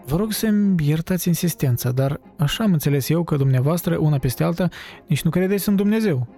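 A man's voice: a little high, expressive, mellow, faint music behind, voice pushed up. A man voicing a polite, curious middle-aged foreign stranger with a foreign accent who speaks courteously and exclaims with interest.

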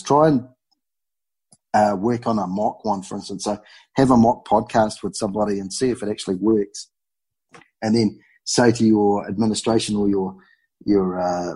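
A man's voice: on the low side, darkish tone, breathy edge, poor audio. A man with a broad New Zealand accent chatting casually and informally as a guest in a podcast interview.

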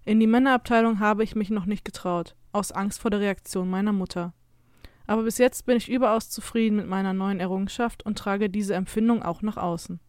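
A woman narrating a scripted first-person Christmas story in an even, measured way. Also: medium pitch, clean tone, no room sound, clean studio sound.

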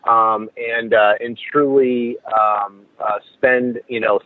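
A man speaking as a podcast guest over a low quality call from his car, eager and rambling with restarts. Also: no room sound. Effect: low quality call audio over a phone line. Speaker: podcast guest, event organizer. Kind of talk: promotional chat. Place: in a car while driving. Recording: tinny phone line from a car.

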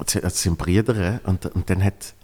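A man's voice: low-pitched, fairly even intonation, moderate pace, darkish tone. A man in his thirties with a Swiss German accent, telling a story in casual chat with lots of restarts. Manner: rambling storyteller, many restarts and fillers. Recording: reverberant room.

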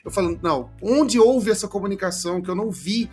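A male comedian guest chats casually and playfully, acting out ways of speaking and demonstrating intonation in an animated, jokey manner. His voice sits high and is a little fast, with faint music behind.

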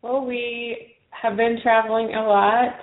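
A woman's voice: a little high, little pitch movement, slow. A woman guest on a radio interview, casually telling her personal story. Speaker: guest author. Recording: roomy, tinny phone-like call.

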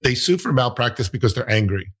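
A middle-aged man, a doctor hosting a podcast, explains things calmly in a casual interview chat. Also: medium pitch, a little fast, husky. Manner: calm, explanatory. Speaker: physician podcast host.

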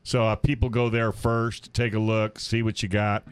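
Very low-voiced man hosting a casual interview, easygoing and joking. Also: level tone, normal speed, smooth, no room sound.

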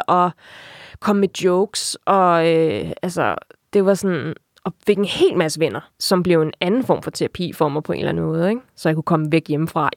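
Young woman interviewee, lowish voice, open and reflective storytelling. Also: no echo, clean studio sound. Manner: reflective and open, frequent filler tags. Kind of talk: candid personal account.

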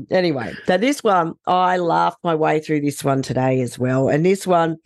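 A woman co-hosting a podcast, chatting casually about the news, blunt and expressive, swearing freely and laughing often. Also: sits low, moderate pace, no echo, clean studio sound. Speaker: podcast co-host.

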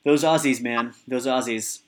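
A man's voice: mid-range voice, steady tone, moderate pace. A man chatting in a laid-back, loose way, tossing in "man" and laughing easily. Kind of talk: casual chat.

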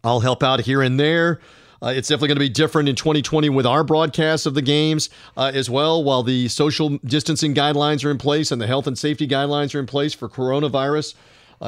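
A middle-aged man hosting a sports podcast alone, with a smooth broadcaster delivery and occasional fillers. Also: mid-range voice, fairly even intonation, fast, dry recording, studio quality. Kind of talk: solo podcast monologue.

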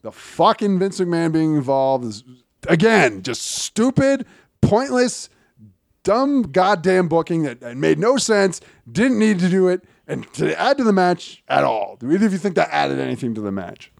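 A man's voice: a little high, big pitch swings, moderate pace, gravelly, no room sound, studio quality. A man co-hosting a casual wrestling podcast, giving blunt, opinionated takes with some swearing. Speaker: podcast co-host.

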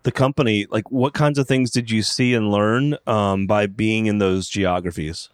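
A man's voice: fairly low pitch, normal speed, no echo. A man hosting a podcast interview, bubbly and jokey, with a close, dry microphone sound. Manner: bubbly, jokey, repeats catchphrases. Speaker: podcast host.

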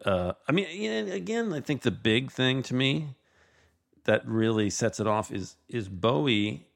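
A man chatting casually about music, animated and swearing, with lots of "you know what I mean". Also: medium pitch, a little slow, creaky.

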